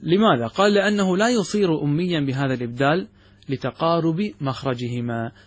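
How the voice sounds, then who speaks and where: Man, religious teacher, husky, slightly high pitch, asks then answers, checks that students follow. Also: brisk. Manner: explains step by step, often checking understanding; poses questions then answers them. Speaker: sheikh teaching Islamic jurisprudence. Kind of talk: classroom commentary on a text.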